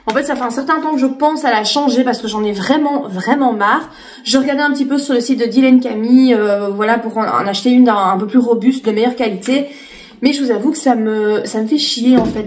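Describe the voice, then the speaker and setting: A woman's voice: fairly high pitch, echoey room, a little hiss or hum. A woman in her late thirties chatting casually in a vlog, with lots of fillers and restarts. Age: 30s. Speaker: vlogger. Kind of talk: casual chat.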